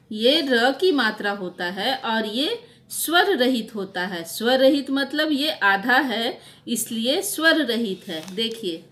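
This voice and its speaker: A woman teaching Hindi to young children, speaking slowly and patiently, repeating words and asking the class questions. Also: fairly high pitch, fairly bright tone.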